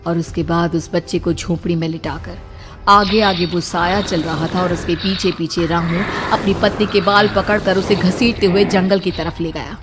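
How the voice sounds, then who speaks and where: A woman's voice: on the low side, fairly even intonation, moderate pace, music in the background. A woman narrating a scripted horror cartoon story.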